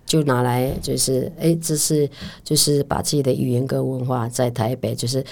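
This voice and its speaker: A woman's voice: extremely low pitch, level tone, moderate pace, a little mellow. A woman with a Taiwanese Mandarin accent, a language teacher explaining things as a guest in a casual interview and often affirming with short interjections.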